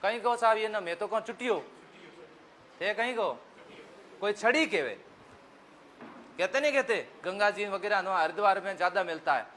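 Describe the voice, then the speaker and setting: A man's voice: high voice, animated, normal speed, pauses often, sharp tone, a little hiss or hum. A man with a Rajasthani accent teaching a history lesson for exam students in a folksy, joking way, asking questions and answering them himself.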